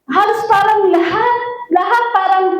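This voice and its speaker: A woman's voice: extremely high pitch, normal speed, a little hiss or hum. A woman pastor giving an emotional, sing-song sermon with repeated appeals to the congregation. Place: church hall. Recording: very echoey church hall, mic far off.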